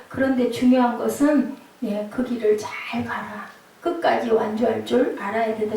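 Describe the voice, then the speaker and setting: Gravelly woman preaching in an echoey church. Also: on the high side, mellow. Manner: keeps checking in with the congregation with tag questions. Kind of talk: sermon at a Friday night prayer service. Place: church sanctuary. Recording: very echoey hall, mic far off.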